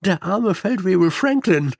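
Man playing army captain, deadpan, drily ironic, slow, hesitant, higher voice, dry. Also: creaky, no echo, exaggerated voice.

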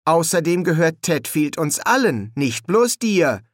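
A man voicing a flat, sober young boy. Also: fairly high pitch, unhurried, dry recording, clean studio sound, voice pushed up. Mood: matter-of-fact. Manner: monotone, reasoning.

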